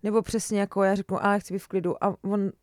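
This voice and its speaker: A woman's voice: medium pitch, level tone, a little mellow, no echo, clean studio sound. A woman hosting a casual conversation, attentive, asking questions and giving short agreements.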